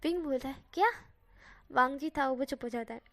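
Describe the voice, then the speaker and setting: A woman's voice: high-pitched, quick pace. A woman reading a fan fiction story aloud, narrating plainly and steadily.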